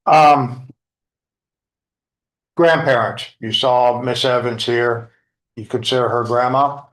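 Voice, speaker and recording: Man, lawyer, courtroom questioning, mid pitch, informal folksy halting phrasing. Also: fairly even intonation, fairly bright tone, poor audio. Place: indoor courtroom.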